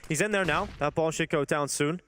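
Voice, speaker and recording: A man's voice: a little high, fairly quick, a bit bright, a little hiss or hum. A man commentating on an esports match as a caster, in flowing, narrative sentences.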